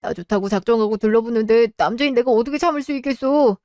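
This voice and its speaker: A woman's voice: a little high, fast talker, mellow, no echo, studio quality, lightly acted. A woman voicing a cheating husband who makes excuses and begs, in a radio drama. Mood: defensive. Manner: wheedling, excuses. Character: cheating husband, evasive and pleading.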